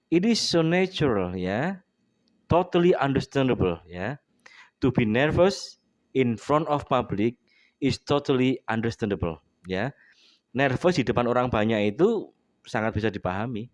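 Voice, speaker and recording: A man's voice: medium pitch, animated, a little slow, dry recording. Indonesian man teaching with a runny nose. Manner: mixes Indonesian and English, frequent tag "ya". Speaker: English teacher. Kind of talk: bilingual speaking lesson.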